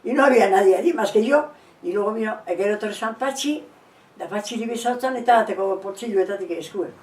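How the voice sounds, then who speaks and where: An older woman with a Basque accent, an interviewee telling animated memories and switching between two languages. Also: mid-range voice, quick pace, reverberant, distant mic, low-quality recording. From Basque Country. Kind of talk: oral history recollection.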